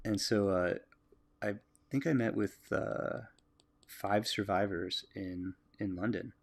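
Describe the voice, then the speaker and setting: A lowish, gravelly American male voice talks casually as he works on a drawing. He muses aloud and answers viewers' comments in a relaxed, easygoing way. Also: slow pace, pauses often. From United States. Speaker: artist livestreaming a drawing.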